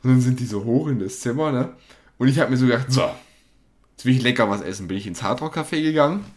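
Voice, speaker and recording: Animated young man telling a story. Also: mid-range voice, fast talker. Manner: animated storyteller acting out dialogue. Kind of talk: casual anecdote chat.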